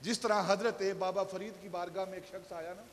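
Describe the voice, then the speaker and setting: Male preacher, high voice, long hall echo; storytelling delivery that builds to emphatic peaks. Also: steady tone, slight background noise. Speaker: pastor. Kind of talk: Friday sermon. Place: shrine mosque hall.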